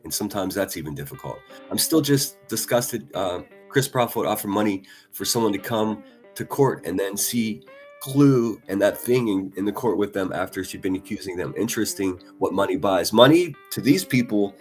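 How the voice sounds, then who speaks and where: A man on a casual live stream reading viewer comments, blunt and profane, talking passionately and often restarting his sentences. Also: on the low side. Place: at a desk in front of a laptop.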